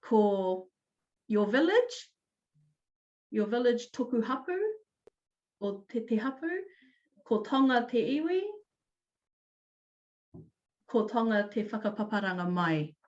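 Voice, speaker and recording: A woman presenting an online teaching talk, explaining in an upbeat way with quick restarts. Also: mid-range voice, expressive, a little mellow, dull audio.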